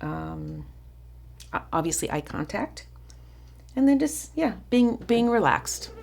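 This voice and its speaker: A woman with a raspy voice teaching a counseling workshop in a chatty, informal way, often restarting her sentences. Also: medium pitch, very animated, takes it slowly. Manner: chatty, warm-hearted asides with frequent restarts and fillers. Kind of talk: informal teaching talk to a small group.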